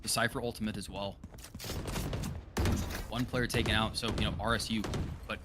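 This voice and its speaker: A man giving excited esports play-by-play commentary as a caster, in clipped, exclamatory live calls. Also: fairly low pitch, normal speed, very noisy.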